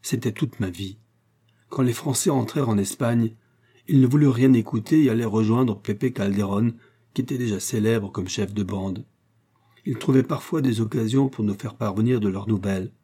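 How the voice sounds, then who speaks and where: A man's voice: fairly low pitch, moderate pace, mellow, breathy edge. A man voicing a fierce vengeful young woman. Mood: grieving. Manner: burning, hateful, hissing delivery. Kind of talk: audiobook character voice.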